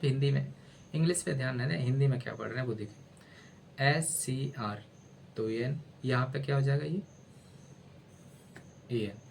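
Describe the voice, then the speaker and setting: A man's voice: mid-range voice, creaky, a little hiss or hum, rough recording. A man teaching a video lesson, spelling words out letter by letter, asking himself rhetorical questions and calling his listeners brother. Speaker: English teacher. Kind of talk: explaining grammar in a video lesson.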